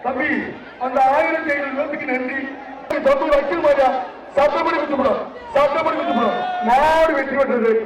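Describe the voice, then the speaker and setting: A man announcing a live bull-taming event through a megaphone, shouting repeated cheers, urging the riders on and counting aloud. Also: very high voice, fairly even intonation, moderate pace, far from the mic, muffled recording, background noise. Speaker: bullfight announcer. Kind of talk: live event commentary over a PA. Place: outdoor arena. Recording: echoey loudspeaker audio from afar, loud crowd. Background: loud cheering crowd.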